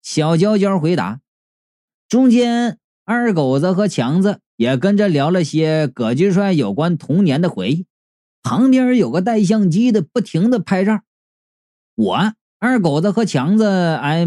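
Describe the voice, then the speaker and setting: A man reading a comic audio novel aloud, lively and jokey with quick asides. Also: sits high, dry recording, studio quality. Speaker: storyteller.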